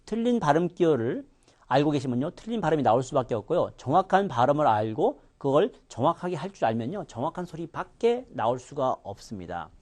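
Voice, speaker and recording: Animated male pronunciation teacher. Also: fairly high pitch, fairly quick. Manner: animated, demonstrating sounds with exaggerated contrasts. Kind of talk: recorded lecture.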